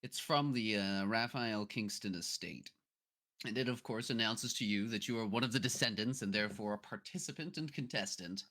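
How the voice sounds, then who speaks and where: A man's voice: fairly low pitch, bright, forceful tone. A man narrating as game master of a tabletop role-playing game, in a casual manner with fillers. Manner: casual, with fillers and drawn-out names.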